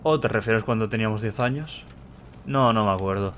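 A man from voicing a bitter, sharp-tongued young female crocodile in a curt, scornful tone. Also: on the low side, brisk, a little hiss or hum, lightly acted. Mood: flat.

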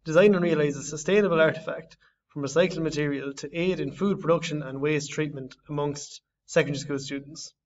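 Young guy talking through his design project, kinda halting, keeps restarting, a bit high, sounds off mic and muffled. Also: fairly even intonation. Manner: halting, searching for words, frequent restarts. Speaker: design student. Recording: slightly distant, dull lo-fi audio.

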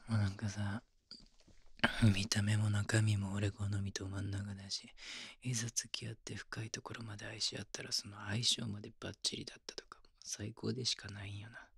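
A man playing an adoring, teasing young boyfriend in ASMR role-play pillow talk, murmuring casually and intimately with a husky, breathy voice into a close binaural microphone. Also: on the low side, level tone, brisk, a bit bright, heavily acted. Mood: adoring, sensual.

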